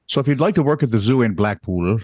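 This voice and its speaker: A man co-hosting a comedic news podcast, reading headlines with teasing, deadpan quips. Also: mid-range voice, quick pace, no room sound. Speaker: co-host.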